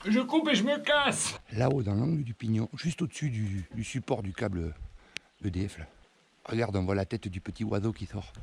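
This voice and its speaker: A man's voice: on the low side, fairly quick, vocal fry, warm tone, slight background noise. A man from France removing wasp and hornet nests outdoors, chatting casually and joking as he works, talking to the insects and the camera. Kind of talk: casual running commentary while working. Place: outdoors at a house.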